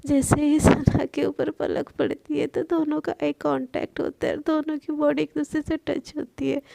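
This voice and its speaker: A woman tells a serialized love story in a casual, chatty way. Her voice is high and mellow with a slight gravelly rasp. The recording is close and dry. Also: no room sound. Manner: chatty, plain retelling.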